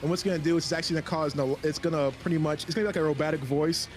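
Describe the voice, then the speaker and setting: A man talking as a player in a tabletop role-playing game, voice sitting a little high. He chats loosely, laughs a lot and swears casually, with faint music playing underneath. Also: steady tone, racing. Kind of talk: tabletop role-play chat.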